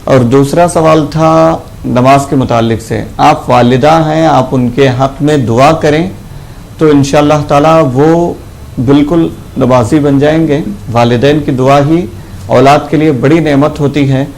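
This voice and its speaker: A man of middle pitch gives religious advice in an unhurried, instructive manner. He slows right down when he recites Arabic phrases, carefully spelling out how often to say them. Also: steady tone, vocal fry, darkish tone, low-quality recording. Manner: measured, instructive, recites Arabic invocations slowly. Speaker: mufti giving religious advice. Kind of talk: religious counsel on air.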